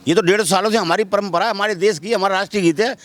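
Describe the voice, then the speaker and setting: Street vox pop: man, high voice, insistent, rhetorical, city street outdoors. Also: steady tone, racing, a bit bright. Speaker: shopkeeper interviewed in a street poll. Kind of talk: street interview.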